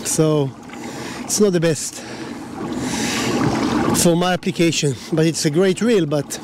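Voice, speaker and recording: An Israeli man, a native Hebrew speaker, vlogs from his kayak out at sea, speaking halting English with plenty of "uh"s and restarts. His voice sits a bit higher than most men's. Wind and water noise come through clearly on the action camera mic. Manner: halting, many fillers and restarts. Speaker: fishing vlogger. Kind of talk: casual talk to camera.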